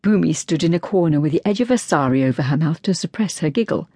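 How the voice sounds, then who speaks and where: A woman reading an audiobook in a soft, breathy, measured way, close to the mic. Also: low-pitched, expressive, slight background noise. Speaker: audiobook narrator. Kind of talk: scripted audiobook narration. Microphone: close studio mic.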